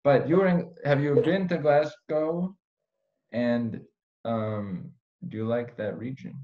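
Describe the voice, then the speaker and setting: With a mid-range voice and fairly even intonation, the Iranian podcast host takes it slowly. His conversation is casual and meandering with playful, mock-serious asides, and the recording sounds dull and lo-fi.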